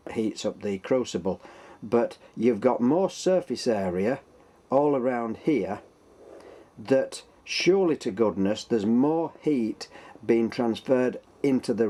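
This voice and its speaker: Yorkshire man with a lowish voice. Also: mellow. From Yorkshire, England. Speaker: host of a workshop engineering channel. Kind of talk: casual explanatory tutorial.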